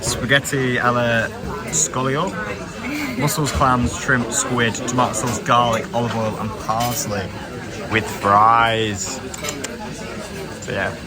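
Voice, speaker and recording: A young travel vlogger with a mid-range voice and level tone speaks slowly, leaving long pauses, while a loud crowd and street noise fill the background. Walking outdoors through a lakeside village, he chats casually with his companion and asks them questions.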